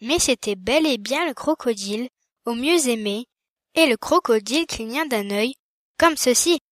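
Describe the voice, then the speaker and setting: A woman storyteller reading a children's tale aloud, measured and expressive, with a fairly high voice. The recording is close and dry. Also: no room sound.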